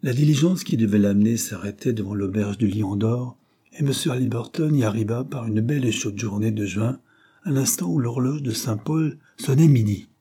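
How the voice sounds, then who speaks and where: Dark, husky-toned male storybook narrator. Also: medium pitch. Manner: steady, measured reading. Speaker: audiobook narrator. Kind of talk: scripted narration.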